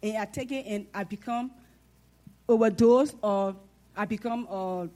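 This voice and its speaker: A woman's voice: mid-range voice, unhurried, warm tone. A woman from Liberia with a Liberian accent, speaking up earnestly and formally from the audience at a town hall. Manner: earnest, formal, preacher-like build. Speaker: audience member.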